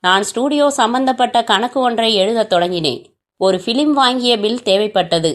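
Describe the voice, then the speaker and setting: A woman's voice: fairly high pitch, normal speed. A woman reading a novel aloud, telling the story steadily and voicing the dialogue herself. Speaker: narrator.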